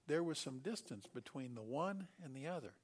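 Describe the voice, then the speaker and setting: A middle-aged man preaching a sermon, telling Bible stories with animated delivery and acting out the characters. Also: mid-range voice, normal speed, breathy edge.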